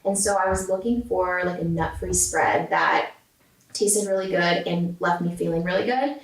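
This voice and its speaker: A woman from San Diego, California, with a fairly low voice and a normal pace, is a guest on an interview and the founder of a food company. She chats casually, her speech packed with "um" and "like." The sound is roomy, picked up by a distant mic.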